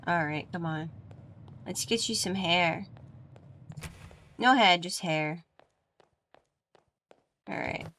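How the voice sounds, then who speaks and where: A woman streams a game with casual, playful commentary. Her voice is bright and unhurried, talking to characters in short bursts over faint noise. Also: fairly low pitch. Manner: playful, talks to the dolls.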